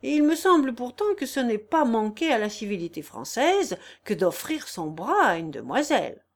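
A woman's voice: a little high, very animated, normal speed. A woman reading aloud, voicing a pushy, slightly tipsy young male clerk who talks in a wheedling, overfamiliar way.

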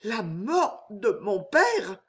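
Lady doing a high breathy young noblewoman from a storybook, desperate, swings all over. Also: animated, unhurried. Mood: horrified. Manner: pleading, then fiercely indignant. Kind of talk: audiobook character reading.

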